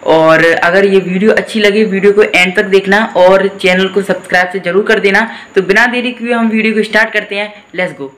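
A man's voice: high-pitched, fairly even intonation, a little fast, hardly any pauses, a bit bright. A teenage boy with a Hindi accent chatting casually in a vlog, filming on a phone at arm's length, often calling out to "guys". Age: teens. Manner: chatty, keeps saying "guys". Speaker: vlogger. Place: home room and outdoors on a motorbike. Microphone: phone camera held at arm's length.

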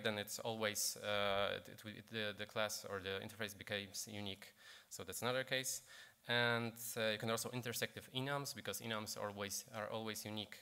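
Bright, low-pitched man, halting technical talk. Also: clear, resonant tone. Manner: halting, hesitant, searching for words. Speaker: conference speaker, programmer. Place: conference stage in a hall.

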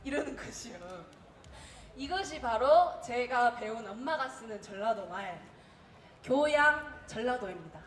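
A young woman from Gwangju tells a comic story in a thick Jeolla accent, her voice high and lively. She chats with the crowd and acts out little exchanges. The recording rings with the echo of a big hall, and faint sound is heard underneath. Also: measured pace, a little hiss or hum. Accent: Jeolla dialect. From Gwangju, Korea. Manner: lively, chatty, acts out quotes. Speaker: dialect contest speaker. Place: large echoey hall.

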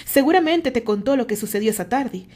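A woman's voice: on the high side, expressive, a little fast, a little mellow, pitched above the performer's own voice. A woman voicing a proud, jealous young man who speaks in a raised, emphatic way. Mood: angry.

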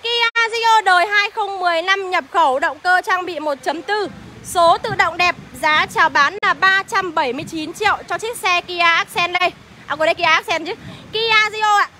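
A young woman selling used cars on a livestream, talking briskly as she reels off prices and calls out to viewers. Her voice is very high and bright. Faint outdoor noise and passing traffic sit behind her. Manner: brisk sales patter, reels off prices and addresses viewers as "anh". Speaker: used car seller livestreaming. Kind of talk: live sales stream, reading out prices and greeting viewers. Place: outdoor used car lot.

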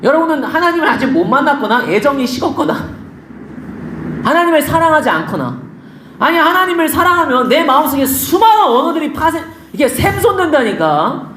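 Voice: high voice, big pitch swings, a little fast, fairly bright tone. A pastor preaching a sermon in a casual, conversational way, asking the congregation rhetorical questions. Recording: echoey room with faint background noise.

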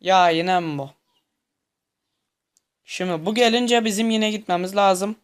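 Muttering through his gameplay commentary, a young man sounds tense and prone to frustration. His high voice is clear and resonant, and his pace is a little slow.

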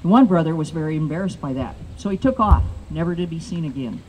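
An older woman preaches at an outdoor lectern, holding a microphone close. She tells simple stories in a plain conversational way. She slows deliberately on the phrases she wants to land. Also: sits low, lively intonation, darkish tone, slight background noise. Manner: storytelling sermon with slowed emphatic phrases. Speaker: pastor. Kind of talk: sermon. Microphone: handheld microphone.

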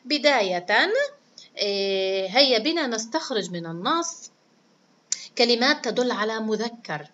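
A woman's voice: on the high side, animated, a little slow, long pauses, fairly bright tone, muffled recording. A woman teaching a children's reading lesson, praising them often and stretching words out syllable by syllable. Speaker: primary school teacher.

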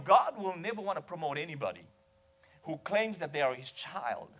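A man's voice: fairly high pitch, fairly bright tone. A man preaching a sermon to a congregation, emphatic and calling for responses. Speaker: pastor. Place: church hall with a congregation.

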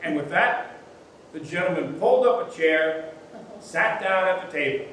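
An older man preaching a sermon as a pastor, in a measured, deliberate way. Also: a little high, expressive, a bit bright, a little hiss or hum. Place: church sanctuary. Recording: echoey church from a distance.

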